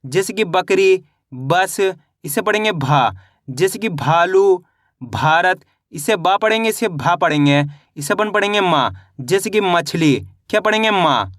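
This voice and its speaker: A man teaching an online lesson on the alphabet. He drills each letter with a question and a slow, repeated answer. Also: sits high, animated, fairly bright tone, no room sound, clean studio sound.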